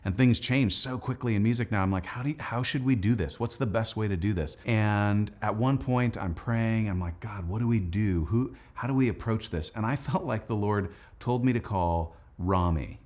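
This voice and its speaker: Here a man with a fairly low, darkish voice speaks at normal speed, hardly pausing. Like a musician's video diary, his informal, excited account of making his record is peppered with "like" and "dude." He's an Anglican priest too.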